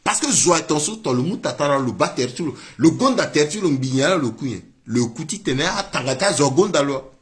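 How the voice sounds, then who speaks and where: A man giving a political commentary monologue, mixing French and Sango, with exclamatory outbursts that swing down to low muttering. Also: lively intonation, a little fast, hardly any pauses.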